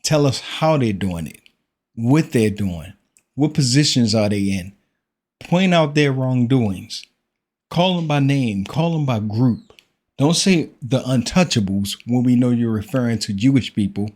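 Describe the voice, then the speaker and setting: Husky man giving critical commentary. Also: medium pitch, expressive, a little slow, darkish tone. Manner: critical and preachy, rhetorical questions. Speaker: reaction commentator. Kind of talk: reaction commentary.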